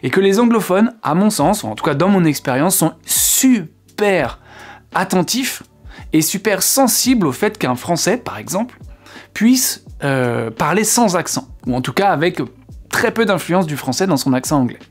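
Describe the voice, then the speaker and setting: On his channel, a French-speaking English teacher runs a relaxed video lesson, talking chattily with many fillers and repeatedly quizzing the viewer. He has a high voice with big pitch swings and speaks at a normal speed, with faint music behind him.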